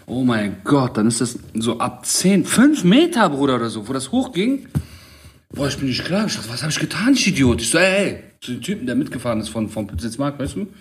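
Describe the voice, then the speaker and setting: A man in his thirties, co-hosting a casual chat and telling stories in a slangy, animated way. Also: mid-range voice, fairly quick. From Germany. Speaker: podcast co-host.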